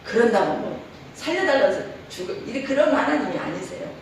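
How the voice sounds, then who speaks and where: A middle-aged woman pastor preaching a sermon in a church, lively, laughing often and leading call-and-response. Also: a little high, brisk, slight background noise. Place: church sanctuary. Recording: echoey church hall from far off.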